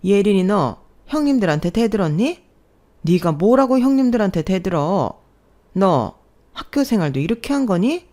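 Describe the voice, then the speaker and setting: A woman voicing a domineering middle-aged mother-in-law in an audio story, scolding sharply and loudly. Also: mid-range voice, big pitch swings, moderate pace, close to an everyday voice.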